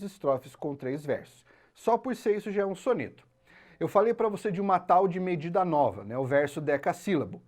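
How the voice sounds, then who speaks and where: A man with a Brazilian Portuguese accent teaching literature in a video lesson, animated and checking in with the viewer as he explains. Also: a little high. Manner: animated, talks straight to the viewer, tags lines with "tá?" and "certo?".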